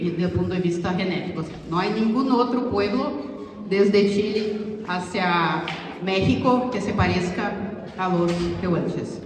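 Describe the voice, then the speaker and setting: A researcher giving an informal talk to a community audience, explaining findings with frequent restarts and rephrasing. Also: medium pitch. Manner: explanatory, many restarts and fillers like "o sea" and "es decir". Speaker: researcher presenting study results. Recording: echoey hall heard from far off, faint noise.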